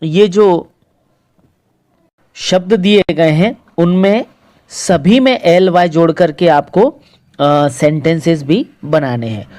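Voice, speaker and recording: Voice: medium pitch, slow pace, long pauses, a little mellow. A teacher patiently explaining a school textbook exercise to pupils, repeating each word for them. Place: recorded lesson video.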